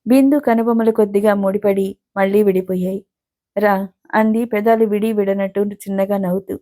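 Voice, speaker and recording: A woman storyteller reading a serialized story aloud in a steady, expressive way. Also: mid-range voice, a little fast.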